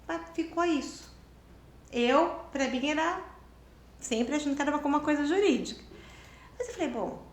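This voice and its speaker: Animated Brazilian woman telling a story. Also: high voice, moderate pace, pauses often. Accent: Brazilian Portuguese. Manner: animated, acting out the dialogue of her story. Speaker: interview guest, writer and lawyer. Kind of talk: casual storytelling in an interview. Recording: roomy echo.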